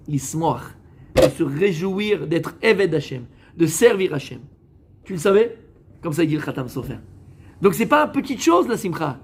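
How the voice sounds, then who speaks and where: A man from France, a rabbi, giving a lively, joking sermon to a live audience, talking straight to his listeners and mixing in Hebrew religious words. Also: sits high.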